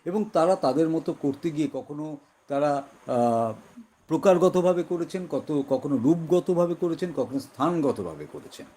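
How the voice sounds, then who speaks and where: A man teaching an exam-prep class in a West Bengal Bengali accent. His voice is a little husky and sits fairly high, with lively rises and falls as he explains. He keeps repeating example words to demonstrate their pronunciation. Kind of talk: online exam-prep lesson.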